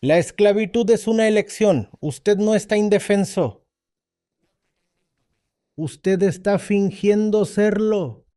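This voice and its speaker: A man giving a dubbed spiritual lecture as a teacher, speaking deliberately, repeating key points and checking that listeners follow. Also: high voice, dark tone, no room sound, clean studio sound.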